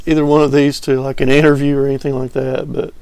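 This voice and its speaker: A man talking casually to camera as a fragrance reviewer, relaxed and rambling with many fillers. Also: medium pitch, fast, clear, resonant tone, no echo.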